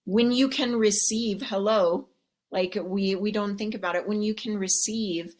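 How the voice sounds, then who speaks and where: Woman, live coaching talk. Sassy, chatty, unhurried pace. Calls viewers ladies and darling. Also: mid-range voice, fairly even intonation. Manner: acts out quoted voices. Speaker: love and mindset coach.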